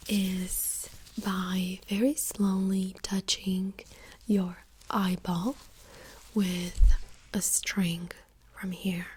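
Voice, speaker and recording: In a mid-range voice, a woman performs a whispered ASMR exam, playing a doctor who gently guides the listener step by step, her breathy whisper kept soft.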